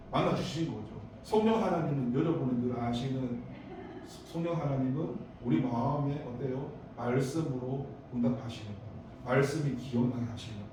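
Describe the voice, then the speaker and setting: In a church sanctuary, a pastor speaking with a Daegu accent delivers a youth service sermon in a medium-pitched voice, far from the mic against a noisy background. The hall is echoey, and his stories veer into rambling asides punctuated by sudden emphasis.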